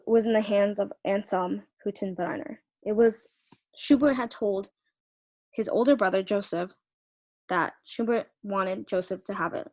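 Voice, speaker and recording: A woman's voice: medium pitch, a little mellow. A young woman gives a research presentation to her class. She talks in a hesitant, searching way, full of fillers and restarts, and trips over a few hard words. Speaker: student presenter.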